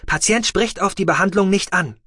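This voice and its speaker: A man voicing a rasping male medical robot box that makes flat, clinical announcements in clipped words. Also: high voice, moderate pace, dry recording, clean studio sound, voice pushed up, heavily acted.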